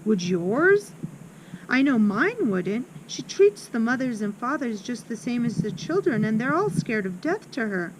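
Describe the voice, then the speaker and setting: A gossipy schoolboy explains things loudly and emphatically, played by a woman. Her voice sits a little high, with heavy traffic noise in the background. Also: very animated, measured pace. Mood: matter-of-fact.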